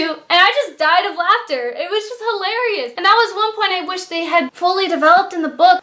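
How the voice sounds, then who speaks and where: A woman with a high voice reviews a book for her vlog. She talks in an eager, gushing, chatty way, and her tone is bright and forward.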